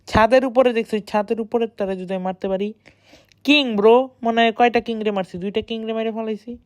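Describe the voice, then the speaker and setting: A woman's voice: fairly high pitch, fast, no echo. Boastful woman gamer, close mic. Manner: excited, boastful self-talk. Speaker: gamer streamer. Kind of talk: live gameplay commentary.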